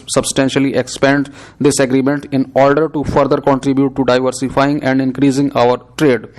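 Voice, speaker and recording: Man dictating in an even, flat tone. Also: mid-range voice. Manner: dictating, measured and steady, read aloud word by word. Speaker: shorthand dictation reader. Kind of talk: dictating prepared text for a shorthand exercise, scripted reading.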